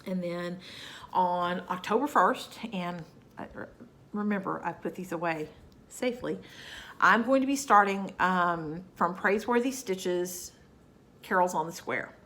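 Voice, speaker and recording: Her fairly low, fairly bright voice moves at a measured pace as she rambles to camera about cross-stitch projects. The Southern US accent carries a cold's nasal scratchiness, and fillers and asides pepper her casual talk.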